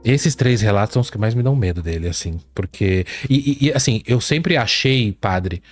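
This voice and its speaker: A man hosting a podcast, retelling eerie accounts in a casual, animated way and dropping his voice low for the spooky quotes. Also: normal speed, soft background music. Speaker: podcast host. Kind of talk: casual storytelling chat.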